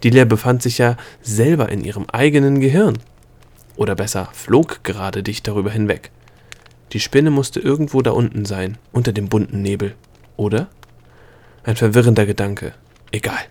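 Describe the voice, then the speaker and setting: A man reading a fantasy novel aloud as narrator, calm and even in his storytelling. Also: lowish voice, moderate pace. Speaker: audiobook narrator. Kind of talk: scripted narration.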